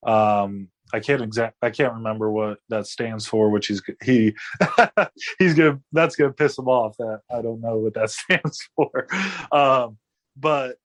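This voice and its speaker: Late-twenties male guest, low-pitched, chatty and rambling. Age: 20s. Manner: rambling, many fillers and restarts. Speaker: guest athlete. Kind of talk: casual interview storytelling.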